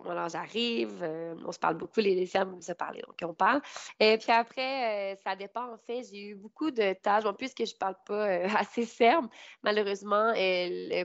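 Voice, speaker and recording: A woman's voice: mid-range voice, gravelly, no room sound. A young woman from Canada with a Québécois French accent, answering interview questions casually, hesitating with many fillers and laughing often. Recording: dull lo-fi recording.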